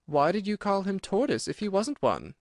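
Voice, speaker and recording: A man's voice: high-pitched, sing-song, moderate pace, no echo, clean studio sound, pitched above the performer's own voice. A man voicing a polite, inquisitive young girl in a storybook, prim and a little indignant, with a light questioning delivery. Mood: curious.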